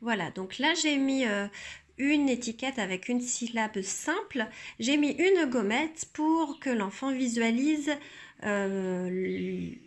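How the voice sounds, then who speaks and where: A woman teacher calmly explaining a reading method, sounding out syllables slowly and carefully. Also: on the high side. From France. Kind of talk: instructional demonstration.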